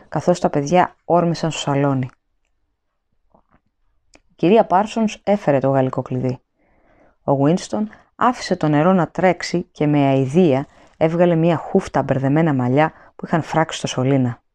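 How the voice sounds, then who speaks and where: A woman narrating an audiobook in a steady, even storytelling manner. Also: deep voice.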